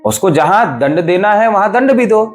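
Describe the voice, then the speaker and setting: A male spiritual teacher lecturing with strong emphasis, his fairly high voice swooping up and down to stress each point. He explains patiently and pushes hard on key words, with soft music faint in the background. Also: animated, moderate pace. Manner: emphatic, explanatory, rises and falls sharply for stress. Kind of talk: devotional discourse.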